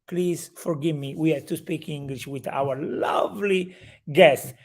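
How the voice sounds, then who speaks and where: A high-pitched man with an Italian accent hosts an interview in English. He is effusive and enthusiastic, often pausing on small fillers as he searches for words. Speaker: host. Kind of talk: live interview.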